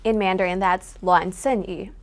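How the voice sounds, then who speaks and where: In a taped interview, a woman in her 20s from San Francisco, United States, speaks earnestly and reflectively, growing emotional as she goes. Her voice sits at medium pitch with fairly even intonation, and she talks at a normal speed.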